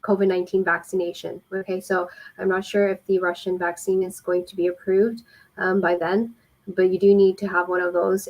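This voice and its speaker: In a live Q&A, a female immigration consultant explains things informally and helpfully, with many pauses along the way. She speaks in a mid-range voice over poor-quality audio.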